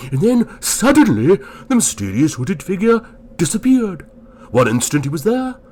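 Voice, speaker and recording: A fussy, genteel gentleman ghost, as a man acts him out, pompous and wordy, wandering from low rumbles to sudden high notes. His pitch sits low, and a faint background hush runs under the talk. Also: slight background noise. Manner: wordy, pompous and politely bemused. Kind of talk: first-person storytelling and acting.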